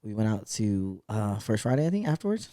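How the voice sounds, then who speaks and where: A man's voice: on the low side, very animated, a little fast, warm tone, no room sound, clean studio sound. A man hosting a podcast in casual chat, joking, swearing and laughing often. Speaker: podcast host.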